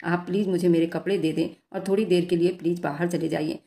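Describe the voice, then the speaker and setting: Timid young bride, pleading, mellow low voice, read by a woman narrator. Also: fairly even intonation, fast, close to an everyday voice. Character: shy, tearful young bride.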